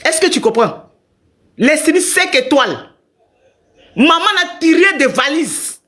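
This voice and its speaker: A woman's voice: high-pitched, big pitch swings, a little slow, fairly bright tone. A middle-aged woman hosting a live stream, ranting angrily at a rival and talking straight to her viewers. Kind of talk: heated live-stream rant.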